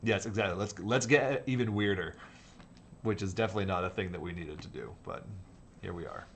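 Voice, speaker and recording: A man's voice: low voice, fairly quick, a bit bright, a little hiss or hum. A man hosting a livestream, chatting casually while he sketches, rambling and hesitant with sudden laughs. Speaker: livestream host and designer. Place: office studio.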